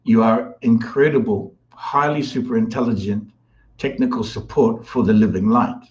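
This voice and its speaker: A man from New delivers a spiritual talk that wanders and repeats itself. His voice sits at a middling pitch and is full of fillers and restarts. The audio sounds a little dull and lo-fi. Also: steady tone, moderate pace, a little mellow. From New Zealand. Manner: meandering, repetitive, with many restarts and fillers. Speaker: spiritual guest speaker.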